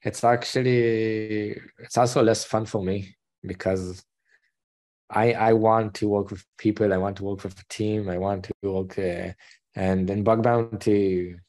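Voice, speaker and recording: A man with an Israeli accent speaks on a video call as a panelist, his voice on the low side. He explains things plainly and earnestly, in a relaxed conversational way. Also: measured pace. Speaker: panelist, bug bounty hunter. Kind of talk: casual panel chat.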